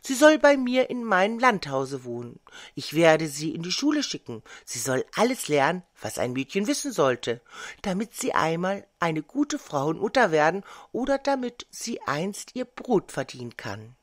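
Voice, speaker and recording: A woman voicing a kind, lonely, well-off lady in a storybook reading, speaking gently. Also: fairly low pitch, big pitch swings, moderate pace, dry recording, studio quality.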